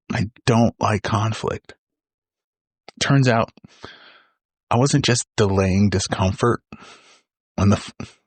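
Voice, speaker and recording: A man's voice: on the low side, breathy edge, dry recording. A man hosting a motivational podcast, talking earnestly and emphatically, often repeating words for stress. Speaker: podcast host.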